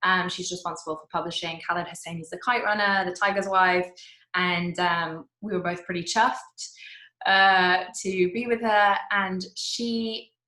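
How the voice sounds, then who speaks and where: A woman's voice: fairly low pitch, fairly even intonation, unhurried, bright, forceful tone, echoey room, poor audio. A woman hosting a casual interview with an author over a video call, chatty and full of asides. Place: indoors at home.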